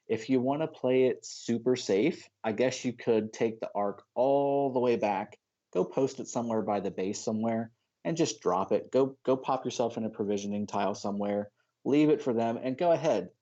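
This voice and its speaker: Male game caster, chatty and analytical, mellow low voice, slightly dull audio. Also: normal speed. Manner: chatty, analytical, laughs easily. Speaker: esports caster. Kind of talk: play-by-play esports commentary.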